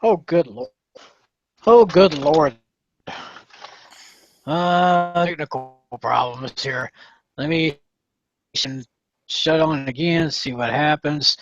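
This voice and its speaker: A man's voice: a little high, slow, long pauses, a little hiss or hum. A man on a football picks podcast, talking casually while his mic keeps cutting out and his volume jumps up and down. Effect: mic cutting out, uneven volume. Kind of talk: casual sports chat. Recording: dull lo-fi online call mic.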